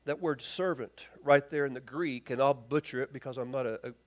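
A man preaching a sermon as pastor, acting out the people in the passage with lively voices and dropping to a quiet, earnest tone for his key points. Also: medium pitch. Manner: animated storytelling, acts out the people in the text in quick lively voices. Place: church sanctuary.

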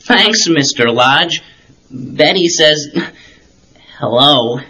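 A man's voice: fairly high pitch, very slow, breathy edge, heavily acted, low-quality recording. Breezy wisecracking teenage boy, Archie. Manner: breezy, boyish, excitable. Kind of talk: dramatized comic-book audio story acting. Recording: background music on old story cassette.

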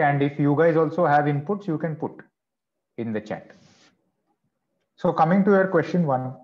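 Man teaching an online class, lo-fi sound. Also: a little high. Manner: explains slowly, checks in with "okay" and "right". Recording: dull lo-fi online class audio.

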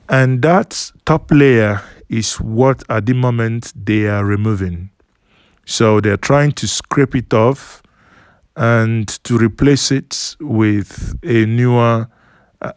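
A man giving an unhurried voice-over commentary on photos, explaining things at length with fillers and restarts. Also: on the low side, dry recording, studio quality. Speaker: news commentator. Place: studio voice-over, not at the pictured site.

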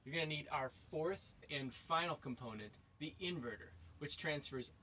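A man's voice: a little high, lively intonation, normal speed, sharp tone, a little hiss or hum, low-quality recording. A man in his forties presenting an explanatory vlog from inside a small trailer. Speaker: vlog co-host.

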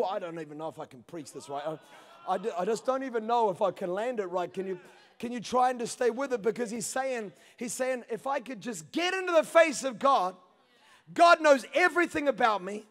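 A pastor in his thirties preaches on a large church stage into a handheld mic, his very high voice animated and brisk as he swings between hushed passages and shouted peaks. The recording carries long hall reverb.

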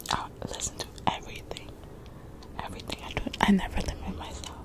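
A woman in her twenties doing laid-back, rambling ASMR chat in a breathy whisper, close to the mic, softly repeating her phrases. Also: a little fast. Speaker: ASMR creator. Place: small bedroom, lying in bed. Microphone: desk condenser microphone very close to the mouth.

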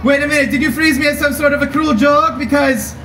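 A man playing a boastful, whiny comic evil wizard in a live children's stage show, loud and melodramatic. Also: very high-pitched, steady tone, fast talker, soft background music, a faint crowd, full character voice. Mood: whiny, defiant.

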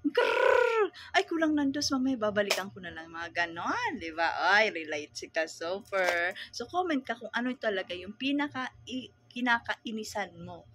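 A woman with a Filipino accent, running a small store and ranting about customers in a casual vlog, animated and laughing often. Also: medium pitch, normal speed, noisy background. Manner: animated, laughing, mock-growling. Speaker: sari-sari store owner vlogger.

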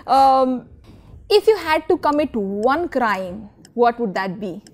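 A woman hosting an interview, moving briskly between segments. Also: a little high, expressive. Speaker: interviewer, show host.

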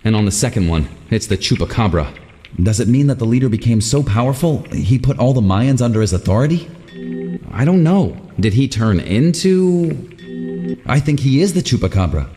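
A man's voice: mid-range voice, big pitch swings, normal speed, dark tone, big-room sound, soft background music, natural voice. An actor playing a curious male explorer of ancient ruins in a video game, musing aloud as he puzzles over clues. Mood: puzzled. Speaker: game protagonist.

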